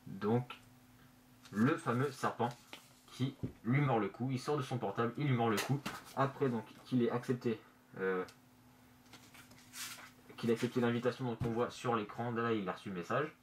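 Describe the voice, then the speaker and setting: A man presenting casually in a halting, hesitant way, his voice slightly muffled through a face mask in a bedroom. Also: mid-range voice. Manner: hesitant, halting, searching for words. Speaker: manga review vlogger. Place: bedroom, indoors. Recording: noisy amateur room recording.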